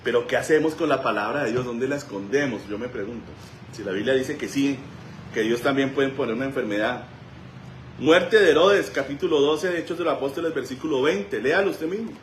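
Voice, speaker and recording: Animated pastor preaching. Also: male voice, mid-range voice, a little fast, slight background noise. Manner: animated storytelling, voice rising to shouts. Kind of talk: sermon. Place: church. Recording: echoey church room.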